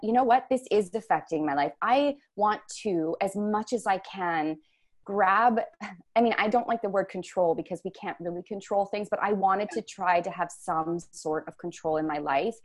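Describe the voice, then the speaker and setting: Earnest woman opening up in interview. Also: lowish voice. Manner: earnest, searching speech with many restarts. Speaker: podcast guest, choreographer. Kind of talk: candid interview conversation.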